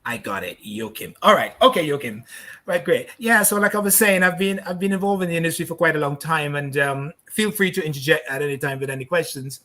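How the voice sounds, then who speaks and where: Bright-voiced middle-aged man hosting. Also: a little high, lively intonation. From Barbados. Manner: courteous, talkative, halting at the guest's name. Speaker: host. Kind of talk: casual video-call chat.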